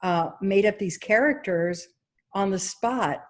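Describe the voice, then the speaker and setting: A woman's voice: mid-range voice, slow pace. A woman casting director with a New York accent, originally from Egypt, chatting animatedly in an interview and often quoting herself. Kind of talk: casual interview chat.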